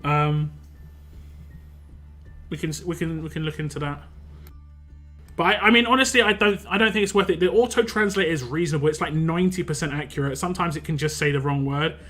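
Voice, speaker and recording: With soft background music behind him, a young West London man streams a game and chats in a loose, rambling way. He speaks quickly, full of fillers and restarts, in a slightly bright voice pitched on the high side.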